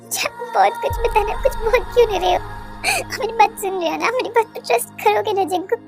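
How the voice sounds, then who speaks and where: A woman's voice: very high-pitched, fast, over music. A woman voicing a frightened young heroine who pleads and stammers in a fan audio drama. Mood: tearful.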